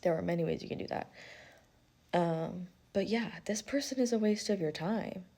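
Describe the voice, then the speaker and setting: Warm in tone and lowish in pitch, a woman speaks at a moderate pace as host of a casual spiritual reading. Working in a tarot style, she's blunt and sweary, animatedly acting out quotes while offering conversational, intuitive advice.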